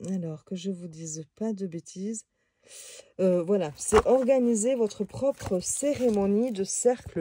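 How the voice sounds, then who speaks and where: A woman's voice: on the low side, mellow, slightly rough, no room sound. A woman casually reviewing a tarot deck on video, talking in a hesitant way with many fillers and restarts.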